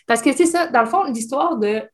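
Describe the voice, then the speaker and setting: A woman speaking with a Québécois French accent, her voice sitting a touch higher than most. She talks in an easy, rambling way, laughing often and leaning on fillers as she tells her story as an interview guest. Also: expressive, normal speed. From Quebec. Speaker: guest, escape game creator and streamer. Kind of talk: casual interview chat.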